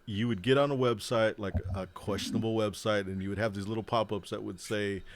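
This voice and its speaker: A man's voice: lowish voice, steady tone, fairly quick. A man co-hosting a casual chat about board games, joking and laughing often, trailing off mid-thought. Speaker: co-host, board game designer.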